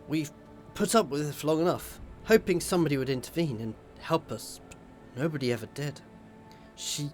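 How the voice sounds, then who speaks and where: In a hushed, pleading way, a man with a slightly hoarse, a little high voice reads the lines of a desperate male peasant rebel prisoner, acting them only lightly.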